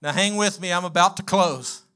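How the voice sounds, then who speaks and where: High, bright-voiced preaching man. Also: moderate pace, smooth. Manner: rising, emphatic preaching with call-and-response to the congregation. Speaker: pastor. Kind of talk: sermon.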